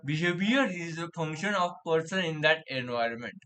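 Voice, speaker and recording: A man reading aloud haltingly with a pen held in his mouth, so his words are muffled and he often stumbles and repeats them. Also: a little high, expressive, sharp tone. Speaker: vlogger reading a book aloud for vocal practice.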